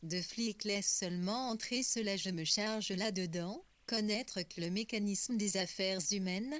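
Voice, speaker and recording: An ambitious young man thinks through his schemes in a steady, reasoning voice, read by a woman. The pitch sits in the middle and the recording is dry and close. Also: a little slow, no room sound, close to an everyday voice. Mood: calculating. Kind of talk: audiobook reading.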